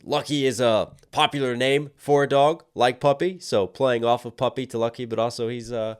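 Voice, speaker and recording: A male music reaction host breaks down rap line by line in a mid-pitched voice. He is slangy and excitable, throwing in hype exclamations and sounding out rhythms with nonsense syllables. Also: moderate pace, smooth.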